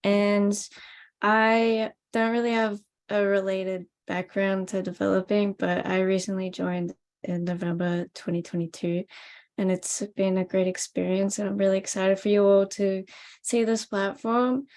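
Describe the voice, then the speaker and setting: A woman from South Australia introduces herself on a video call in a very even, flat voice. She sounds plain and measured at a middling pitch. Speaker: front-end developer.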